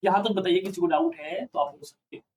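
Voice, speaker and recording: A male accounting teacher lecturing a classroom, often pausing to ask students questions to check they follow. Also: high voice, very animated, darkish tone, distant mic.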